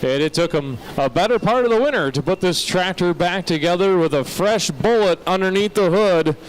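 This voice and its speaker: Folksy American male tractor pull announcer, slightly high voice, outdoors with some engine noise. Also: expressive, normal speed. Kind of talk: live tractor pull commentary. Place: outdoor motorsport track. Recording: noisy outdoor event, vehicle engines.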